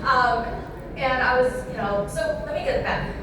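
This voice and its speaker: An eager woman in her thirties answers questions on a panel in a high, lively voice. She stands back from the mic in a big, very echoey room. A crowd murmurs behind her. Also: measured pace. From born in Thailand, raised in Southern California. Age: 30s. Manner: upbeat, eager, talks through lists. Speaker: city council member. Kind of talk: panel discussion remarks. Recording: echoey hall, distant mic, crowd noise.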